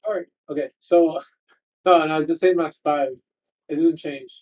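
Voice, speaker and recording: High-voiced man, tinny tin-can call sound. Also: fairly even intonation, normal speed. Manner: teasing, complaining banter. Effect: tinny tin-can sound over a remote call. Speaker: day trader on a group stream. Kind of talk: casual chat. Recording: dull, distant call audio.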